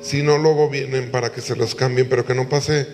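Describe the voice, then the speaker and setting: A man's voice: medium pitch, fairly even intonation, a little fast, music in the background. A middle-aged man with a Mexican accent, a priest leading a couple through a wedding mass in a large church, giving directions with light jokes. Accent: Mexican Spanish. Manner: directive, gently joking.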